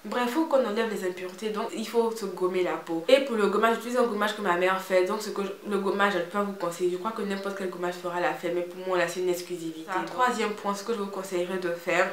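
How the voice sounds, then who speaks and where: Young Ivorian-accented woman vlogger, frank and animated, addressing viewers directly; roomy echo on a camera mic. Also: mid-range voice, fast talker, few pauses. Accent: Ivorian French. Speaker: beauty vlogger. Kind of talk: casual chatty vlog. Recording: roomy echo with faint hiss.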